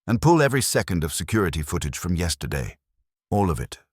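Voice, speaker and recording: A man reading an alien male security chief who gives quiet, urgent orders, in a very deep, husky voice. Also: very animated, fast talker, dry recording, studio quality.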